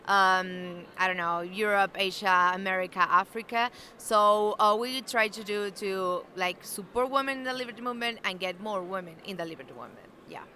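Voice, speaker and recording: A woman with a Uruguayan Spanish accent and a bright, mid-pitched voice, feeling her way through answers with plenty of "um" and "like". A faint convention murmur sits under her. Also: normal speed, hardly any pauses, slight background noise. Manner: hesitant, many "um" and "like" fillers. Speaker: interviewee, alliance member. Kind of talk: casual interview chat. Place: busy convention venue.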